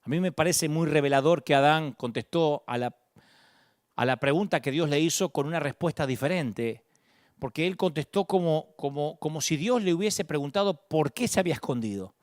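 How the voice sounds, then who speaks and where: Dramatic preacher man, lively voice. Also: moderate pace, no echo, clean studio sound. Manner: dramatic, shifts from booming calls to hushed murmurs. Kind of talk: sermon.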